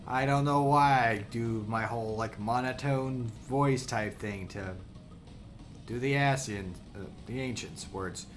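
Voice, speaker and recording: A man's voice: mid-range voice, measured pace, faint music behind. A man streaming a video game, rambling through wry, self-correcting commentary as he plays. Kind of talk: casual gameplay commentary.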